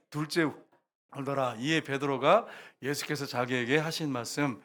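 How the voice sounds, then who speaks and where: Male pastor, fairly high voice, animated sermon with acted-out voices, speaks straight to the congregation. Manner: lively storytelling, acts out voices and rooster crows; often addresses the congregation directly.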